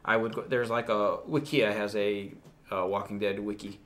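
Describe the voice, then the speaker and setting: A man's voice: lowish voice, flat delivery, moderate pace, fairly bright tone. A man chatting as a podcast guest, loose and talkative with lots of fillers. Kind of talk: casual chat.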